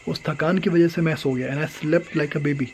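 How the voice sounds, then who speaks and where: A young man, a travel vlogger, excitedly showing off a homestay room at night and slipping English phrases into his talk. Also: a little high, measured pace, a little hiss or hum, poor audio. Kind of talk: casual vlog walkthrough.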